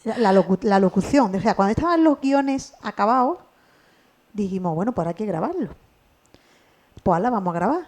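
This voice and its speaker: A woman's voice: mid-range voice, animated, brisk, pauses often, darkish tone. A woman, a podcast co-creator and radio journalist, explaining step by step in a casual radio interview. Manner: explains step by step, finishes co-host's sentences.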